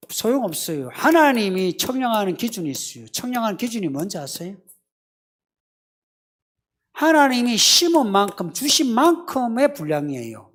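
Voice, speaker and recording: A male pastor preaching in an easy, conversational way. His pitch swings widely as he teases the congregation and drops into hushed, acted-out little prayers. The sermon has a lively, animated rise and fall.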